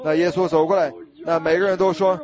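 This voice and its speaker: A man's voice: a little high, level tone, fast talker, a crowd in the background. A man preaching a sermon, retelling a scripture story vividly and acting out its scenes.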